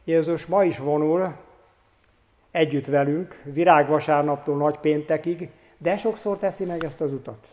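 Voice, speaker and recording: Male pastor, sermon, somewhat high voice, hesitant earnest delivery, long church reverb. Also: darkish tone. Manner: earnest preaching with pauses and hesitations.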